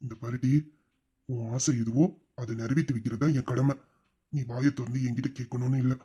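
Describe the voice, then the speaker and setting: A man voicing a doting young husband in a romantic audio drama, swinging from playful bluster to soft tenderness. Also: a little high, normal speed. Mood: tender. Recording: dull, lo-fi recording.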